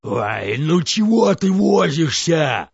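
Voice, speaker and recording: A man voicing a boastful, clumsy male serpent-dragon in a folk tale, with a raspy, gravelly voice and a slow drawl. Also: fairly high pitch, sing-song, dry recording, dull audio, voice pushed up, heavily acted. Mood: grumbling.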